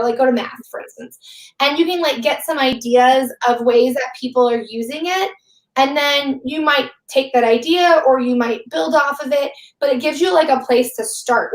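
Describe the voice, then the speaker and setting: A woman's voice: high voice, roomy sound, rough recording. A woman teacher chatting casually on a live webinar, rambling and filling her talk with "like". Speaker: teacher and guest.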